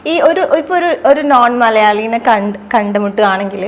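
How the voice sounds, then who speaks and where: A woman's voice: mid-range voice, expressive, normal speed, a little hiss or hum. A woman hosting an interview, asking chatty, upbeat questions in a casual conversation. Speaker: interview host.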